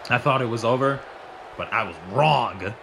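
A man doing excitable solo play-by-play of a wrestling match, swearing and breaking into shouts. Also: mid-range voice, moderate pace, gravelly, noisy background. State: out of breath. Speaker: wrestling commentator.

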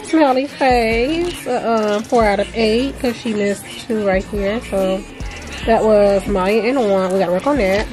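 A young mother vlogs casually from a small bedroom, chatting to viewers, laughing often and calling them "y'all." Her mid-range voice moves at a measured pace, with music playing in the background. The low-quality audio comes from a handheld compact camera.

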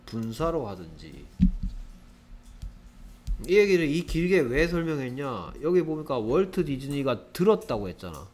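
A man teaching an English grammar lesson to students, lively and constantly checking in with rhetorical questions. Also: medium pitch, unhurried.

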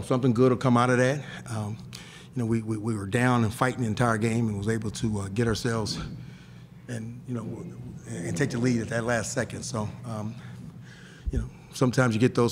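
A middle-aged male coach sits at a press table with a table mic, talking frankly and with emphasis after a game. His voice has a gravelly edge, he often repeats words as he restarts, and a light hiss runs under the room. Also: on the low side. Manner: candid, repetitive restarts, emphatic. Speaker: head basketball coach. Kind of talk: postgame press conference. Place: press room in front of a sponsor backdrop.

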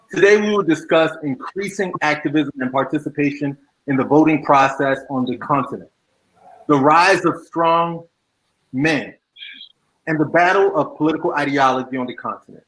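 A man's voice: a little high, a bit bright, poor audio. A man moderating an online panel over a video call, reading formal prepared remarks.

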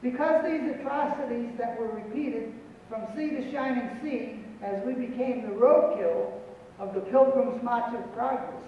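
Older male panel speaker, solemn and deliberate, high voice, far off in a big echoing auditorium. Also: a little hiss or hum. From Pequot territory, New England. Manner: solemn, deliberate, repeats phrases for emphasis. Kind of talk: prepared speech at a panel. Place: auditorium stage, large indoor hall. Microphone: far room mic. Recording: echoey hall from far off, dull.

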